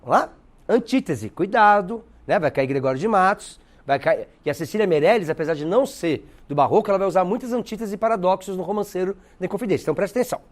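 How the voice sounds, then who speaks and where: Animated Brazilian man teaching literature. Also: high-pitched, fast. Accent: Brazilian Portuguese. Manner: animated, playful, teasing asides to students. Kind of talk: lively exam-prep lecture.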